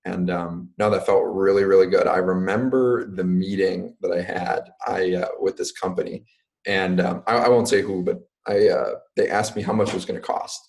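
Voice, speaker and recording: A young man in his twenties speaks casually as a guest on a podcast, with a very low voice. He fills his talk with ums and likes and keeps an easygoing tone. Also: steady tone, normal speed, vocal fry, a little mellow. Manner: casual, many fillers like "like" and "um". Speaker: guest entrepreneur. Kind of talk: podcast interview.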